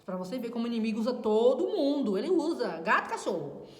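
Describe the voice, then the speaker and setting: A woman's voice: a little high, big pitch swings, fast, a little mellow. A woman giving a personal faith testimony, talking conversationally and often addressing her listeners directly. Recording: roomy, with long reverb.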